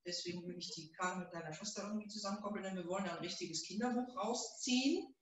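A woman's voice: mid-range voice, fast. A middle-aged woman, the author, hosting a reading and chatting casually with many fillers, recorded from a far camera in a small room. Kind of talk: casual event introduction. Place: small event room, indoors. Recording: roomy echo, mic far off.

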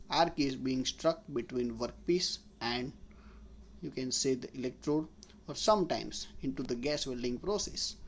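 A man's voice: medium pitch, a little mellow, slight background noise. A man, giving a slide lecture as an engineering tutor and explaining step by step while restating his points. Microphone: voice-over on slides.

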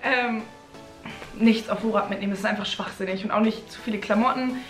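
A young adult au pair vlogs from a home living room, chatting casually and hesitantly with lots of fillers. Her medium-pitched voice is steady and a little fast, the room sounds echoey, and soft music plays in the background.

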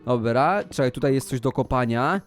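A man hosting a gaming channel, giving excitable game commentary, gasping and shouting as he plays and talks to his pet dog. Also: mid-range voice, normal speed, soft background music.

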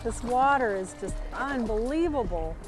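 A woman co-hosting an outdoor fishing show, chatting excitedly and laughing often by a river. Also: fairly high pitch, moderate pace, over music. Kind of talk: casual outdoor chat.

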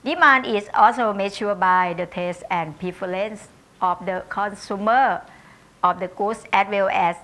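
A woman with a Thai accent teaching English grammar in a university lecture. She reads the English examples slowly and explains them in a chatty, warm way with tag questions. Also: medium pitch.

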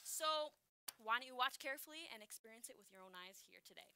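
Bright high-voiced woman co-hosting. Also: expressive, fast talker, slight background noise. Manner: upbeat, giggly, explaining experiments. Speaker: science show co-host. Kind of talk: playful live-stream chat.

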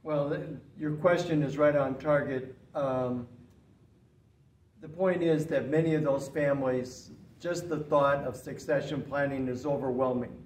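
Earnest older man, dark tone, roomy. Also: medium pitch, unhurried. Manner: earnest, emphatic, steady explanatory delivery. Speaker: retired farm management professor, guest expert. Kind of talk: interview answers. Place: small indoor studio room. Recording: roomy, slightly distant, faint hiss.

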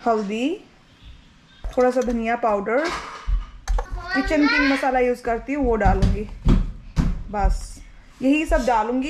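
A woman's voice: sits high, background noise. A young woman from India chattily explaining each step as she cooks in her home kitchen, talking to her viewers. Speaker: home cooking vlogger and mother. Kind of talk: casual cooking vlog narration to viewers. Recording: kitchen sizzle and stirring sounds.

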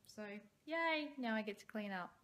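A woman's voice: fairly high pitch, lively intonation, moderate pace, fairly bright tone, a little hiss or hum. Chatty Australian woman in kitchen. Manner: chatty, upbeat, frequent ums. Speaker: vlogger. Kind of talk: casual meal-prep vlog narration. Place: home kitchen indoors. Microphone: phone camera held close.

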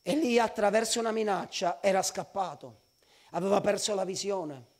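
A man's voice: high voice, moderate pace. A male pastor preaching a sermon at a church service, impassioned and crying out prayers.

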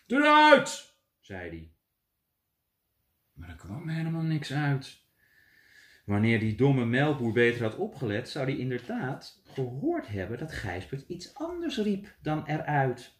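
A man, a teacher, reading a fairy tale aloud to children in a lively, playful way. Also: mid-range voice. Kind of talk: storybook read-aloud for children. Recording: echoey room.

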